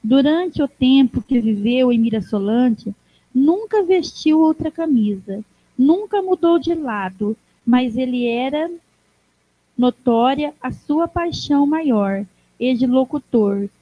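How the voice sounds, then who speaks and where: A woman with a Brazilian Portuguese accent reads a formal tribute aloud in a council chamber, stumbling and restarting words as she goes. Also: dry recording. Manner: halting, restarts words while reading. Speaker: council member giving a tribute. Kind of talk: slow formal reading of a tribute. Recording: dry, dull low-fi sound.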